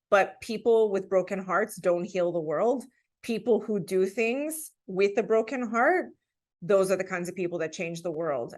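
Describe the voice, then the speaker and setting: A woman with a mid-range voice speaks as an interview guest. She tells personal stories conversationally, with earnest emphasis on her points. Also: medium pitch. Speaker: podcast guest.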